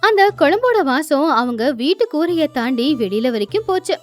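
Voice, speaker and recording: A woman narrating a moral storybook tale in a gently emphatic storytelling manner, with faint music underneath. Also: high voice, very animated, moderate pace.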